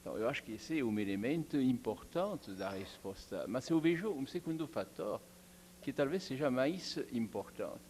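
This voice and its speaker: A man from the audience asking a long, careful question at an academic seminar, with many pauses and fillers. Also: medium pitch, animated, a little mellow, a little hiss or hum. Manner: slow, deliberate, with frequent hesitations. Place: seminar hall.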